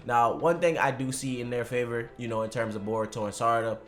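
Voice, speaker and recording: A man's voice: mid-range voice, steady tone, fast. A man giving casual, unscripted preview commentary and predictions, talking in a slangy, conversational way and swearing freely. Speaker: anime commentary vlogger.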